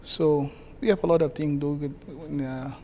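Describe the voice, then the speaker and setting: A man from South Sudan with a South Sudanese accent, answering interview questions haltingly with many pauses. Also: fairly high pitch, fairly even intonation, warm tone, slight background noise. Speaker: guest, community association president.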